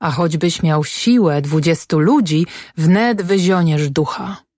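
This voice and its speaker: A woman's voice: low voice, takes it slowly, a little mellow, no echo, studio quality. A woman reading the part of a poor old male apothecary in a stage play, cautious and reluctant. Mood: wary.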